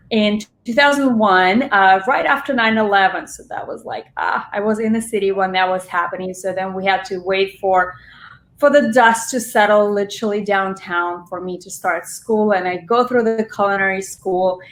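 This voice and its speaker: A woman in her forties, originally from Russia, talking chattily as a restaurant owner guest in an interview. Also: mid-range voice. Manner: warm, chatty storytelling with laughs. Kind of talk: interview conversation. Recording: roomy echo.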